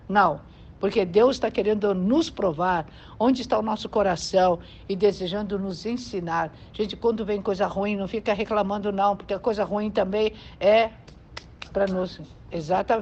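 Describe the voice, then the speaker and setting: Speaking with a Brazilian Portuguese accent, this woman delivers a sermon in a chatty style, frequently asking the congregation if they agree. Her voice sits at medium pitch and is husky and slightly mellow, captured in dull lo-fi audio with faint background noise.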